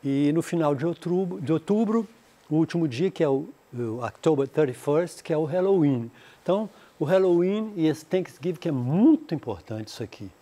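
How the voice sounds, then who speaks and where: A man's voice: fairly high pitch, lively intonation, mellow. A man from Brazil teaching an English lesson on a school TV program, explaining in Portuguese and often saying "né?". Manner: reads English dialogue lines slowly and clearly for students to repeat; explains in Portuguese with frequent "né?" and "então".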